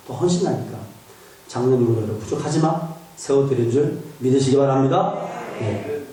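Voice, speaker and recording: 유머 섞인 설교를 하는 남성 목사. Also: male voice, mid-range voice, a little mellow. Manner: humorous, asks the congregation questions. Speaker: pastor. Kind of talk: sermon. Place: church sanctuary. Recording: echoey hall from far off.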